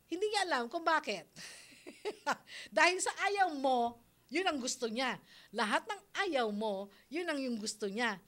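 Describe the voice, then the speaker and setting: A woman's voice: sits high, a bit bright. A middle-aged woman, hosting a radio advice show on parenting in a chatty way, mixing English phrases into her talk and laughing easily. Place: radio studio.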